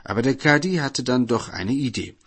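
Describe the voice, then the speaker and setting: A man narrating a folk tale on a radio program in an even, explanatory reading. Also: mid-range voice, fairly quick, slightly rough. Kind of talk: scripted radio storytelling.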